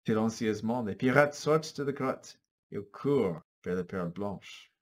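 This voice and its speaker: A man narrating a storybook for learners, in a clear, deliberate and expressive delivery. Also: lowish voice.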